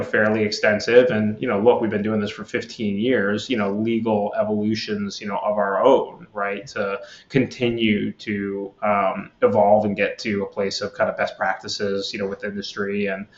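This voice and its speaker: A man being interviewed as a guest on a podcast, explaining in a measured way with lots of fillers and restarts. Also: lowish voice, level tone, reverberant, dull audio. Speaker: guest, platform executive.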